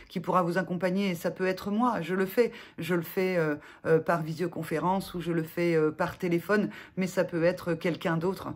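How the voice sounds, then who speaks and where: A woman therapist giving gentle self-help advice to viewers in a vlog, speaking haltingly with many filler sounds and restarts. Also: on the low side. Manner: gentle, reassuring address to viewers.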